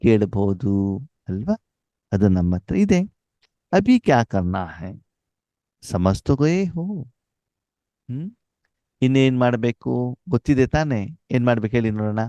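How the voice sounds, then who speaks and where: A spiritual teacher leads a class in a warm, animated, mid-range voice at a moderate pace, leaving long pauses. He poses questions for the audience to finish and sprinkles Hindi phrases throughout. There's no room sound.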